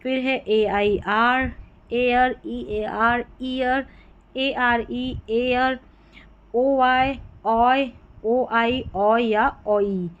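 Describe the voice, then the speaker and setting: Woman teacher spelling out phonics, bright-pitched. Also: steady tone, drawn-out words, clean tone, muffled recording. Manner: patient, spells out letters then sounds each word. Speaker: English teacher. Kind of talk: classroom-style phonics lesson.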